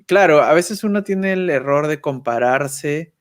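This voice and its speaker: This man's voice is on the high side and expressive, and he keeps a measured pace. He's a guest YouTuber in a casual video-call chat, thoughtful and self-deprecating, often tagging a questioning "right?" onto his phrases.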